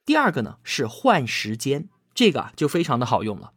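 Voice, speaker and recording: A man's voice: medium pitch, huge pitch swings, a bit bright, breathy edge, dry recording, clean studio sound. A man narrating a scripted book explanation, often drawing out filler particles and acting out quoted lines. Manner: frequent drawn-out filler particles.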